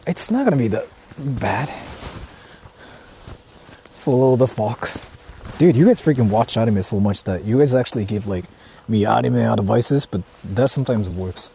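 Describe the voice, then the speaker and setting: With a mid-range, dark voice, vocal fry, and long pauses, this man speaks expressively at normal speed. He is a Japanese livestream host, native in Japanese, wandering the countryside on foot while rambling aloud, repeating himself, exclaiming, and swearing casually. Ambient vehicle noise makes the outdoor stream noisy.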